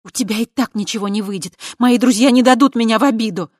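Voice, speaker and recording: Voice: medium pitch, fast, no room sound, studio quality, pitched above the performer's own voice, close to an everyday voice. A narrator voicing a defiant young witch. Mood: heated defiance. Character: proud young woman witch.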